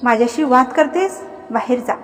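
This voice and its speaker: Woman reading contemptuous male professor, lecturing, high voice, echo, faint music. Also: expressive, normal speed. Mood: scornful. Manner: scornful, lecturing. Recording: reverberant, faint background music.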